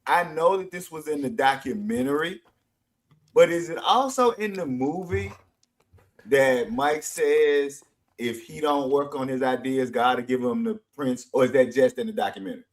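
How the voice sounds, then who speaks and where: A man's voice: medium pitch, animated, moderate pace. Man co-host who needles his friends, loose and jokey. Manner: teasing, prodding others to talk. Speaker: co-host panelist. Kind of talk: casual podcast chat.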